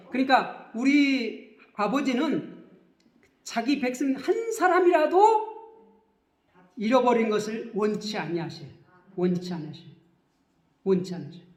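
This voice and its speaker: A man's voice: high-pitched, roomy sound. A man preaching a sermon as pastor, who keeps asking the congregation questions and then answering them himself.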